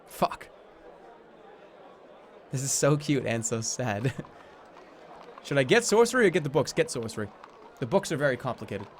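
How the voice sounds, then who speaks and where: A man's voice: medium pitch, very animated, normal speed, pauses often, slight background noise. A man streaming a game, reading the story text aloud as narration and dropping informal, offhand commentary. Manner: informal, switches between dramatic reading and offhand asides.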